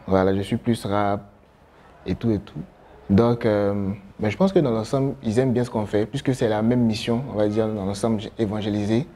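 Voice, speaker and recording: A young man with an Ivorian French accent, a gospel rapper answering interview questions in a relaxed way, often pausing with fillers. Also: fairly low pitch. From Côte d'Ivoire. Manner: relaxed, gestures a lot while talking, frequent fillers. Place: studio with branded backdrop, seated.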